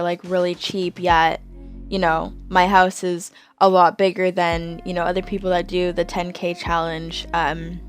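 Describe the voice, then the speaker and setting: A young woman chats through a casual voice-over, rambling with lots of "um"s and little laughs. Her pitch sits mid-range for a woman. Soft music plays faintly underneath. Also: clean tone. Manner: rambling, filler-heavy, giggly. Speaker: Sims speed build creator.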